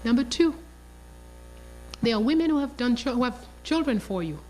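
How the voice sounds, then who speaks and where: A woman's voice: a little high, expressive, moderate pace, darkish tone, slight background noise, rough recording. A woman lecturing on history as a teacher, telling a story passionately and with emphasis. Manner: passionate, emphatic, acts out quotes.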